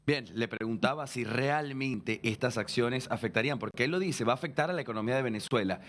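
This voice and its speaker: A man's voice: mid-range voice, fast talker, fairly bright tone. A man who is a native Spanish speaker, hosting a live news interview, explaining and interpreting for viewers and correcting himself as he goes. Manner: self-correcting, explanatory, addressing viewers directly.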